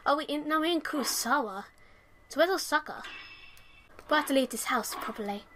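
A woman's voice: sits high, expressive, fairly quick, sharp tone. A young woman playing a horror game alone at home, commenting casually, jumpy and swearing as she panics. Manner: jumpy, swears a lot, panics and repeats herself. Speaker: let's play host. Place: her room at home. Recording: noisy home recording with buzz.

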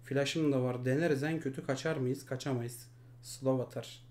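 A man commentating his mobile game live, muttering and then shouting and swearing at his teammates. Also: medium pitch, fairly even intonation, moderate pace.

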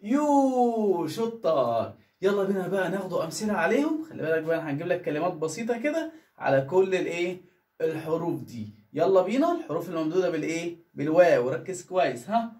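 A woman's voice: fairly low pitch, expressive, fast talker, warm tone, roomy sound. A woman with an Egyptian Arabic accent teaching children to read, drawing out syllables and coaxing them with questions. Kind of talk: children's reading lesson.

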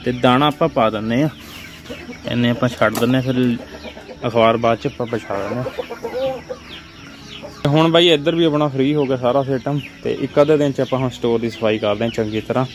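At medium pitch and a fairly quick pace, with long pauses, a young Indian man with a Punjabi accent narrates a casual phone vlog at a poultry farm. He talks to viewers like friends as he moves through the sheds and yard, amid clucking chickens and birds.

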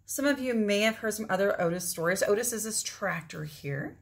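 Her mid-range voice moves fairly quickly, with lively intonation and a touch of vocal fry. She is a woman in her forties reading a picture book aloud to children in a small home room, lengthening words for effect and adding asides.

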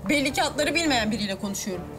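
Actress playing defiant young Zeynep. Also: female voice, fairly high pitch, expressive, rapid-fire, music in the background, lightly acted. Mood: firm. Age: young adult. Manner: sharp, standing her ground. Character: young woman Zeynep, steward's daughter, proud and defiant. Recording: TV drama with loud score underneath.

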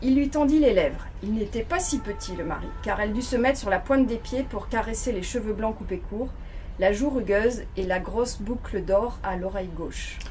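A woman reading extracts of a novel aloud in a measured way at a bookshop event. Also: medium pitch, darkish tone, slight background noise. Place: bookshop reading before an audience.

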